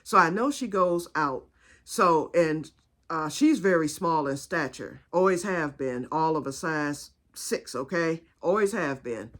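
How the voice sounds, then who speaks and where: A woman's voice: deep voice, animated, measured pace. A woman vlogger chatting casually about her crochet project, drifting into family stories as she goes. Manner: rambling, digressive storytelling. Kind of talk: casual chat.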